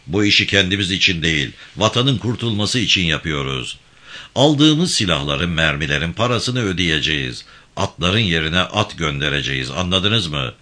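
A man voicing a stern, commanding male militia band leader who gives hushed orders. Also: sits low, lively intonation, moderate pace, heavily acted.

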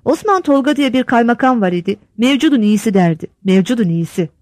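A blunt old village headman holds forth with homespun sayings, as a woman reads him aloud. His voice sits fairly high and swings widely in pitch. The sound is close and dry. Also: animated, a little fast, darkish tone, dry recording, natural voice. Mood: lecturing. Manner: lecturing, folksy sayings.

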